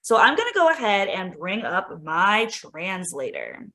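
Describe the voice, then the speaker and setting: An instructional coach walks teachers through software in a casual screen-share demo, her medium-pitched voice very animated and full of enthusiasm. She keeps a measured pace, sprinkling "like" and "right?" as she clicks around in a friendly, informal way.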